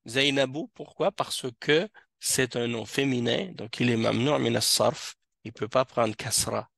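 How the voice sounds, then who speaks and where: A man teaching Arabic grammar to a class, explaining slowly with frequent hesitations. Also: medium pitch, vocal fry, a bit bright, no room sound, studio quality. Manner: slow, hesitant explaining with many fillers. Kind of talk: classroom lesson. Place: mosque classroom.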